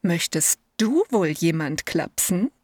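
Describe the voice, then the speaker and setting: A woman voicing a wise, kindly rock python in a storybook, slow and knowing. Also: on the low side, big pitch swings, a little mellow, dry recording, studio quality, exaggerated voice.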